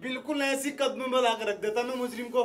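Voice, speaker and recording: A man's voice: very high voice, steady tone, fast talker, far from the mic. A man playing a boastful, talkative police constable in a comedy skit. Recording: echoey room, loud background music.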